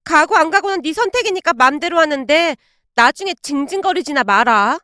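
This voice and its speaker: A woman's voice: sits high, lively intonation, moderate pace, a bit bright, no echo. A woman voicing a sneering spiteful young woman. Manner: sneering, blunt. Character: spiteful young woman friend, mocking and harsh.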